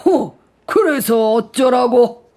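An actor playing a greedy, pompous village elder in a radio drama, bellowing and contemptuous. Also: male voice, extremely high pitch, expressive, slow pace, darkish tone, exaggerated voice. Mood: scornful.

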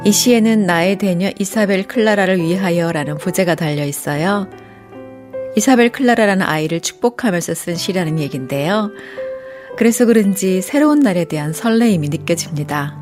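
A woman hosting a radio program, gently talking and reading out listener messages from a studio microphone. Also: on the low side, expressive, moderate pace, music in the background. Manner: gentle, reads listener texts aloud.

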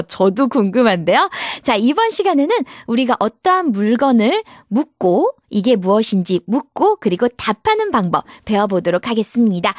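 Animated woman teaching kids English. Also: a little high, no echo, clean studio sound. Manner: animated, coaxing, drills words slowly for repetition. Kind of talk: kids' English lesson.

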